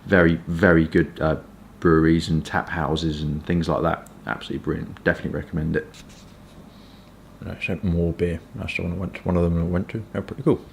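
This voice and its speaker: A man from Kent with a southern English accent, chatting informally and hesitantly in a rambling casual review, with stop-start pauses. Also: low-pitched, steady tone, creaky, slight background noise. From Kent, England. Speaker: pipe tobacco reviewer.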